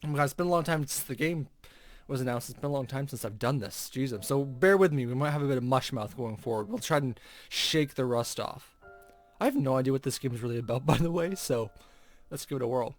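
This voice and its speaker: Hosting a let's play, this man talks fast and expressively in a mid-range voice. He chats casually, wanders into rambling asides, and reads game text aloud while video game music plays in the background.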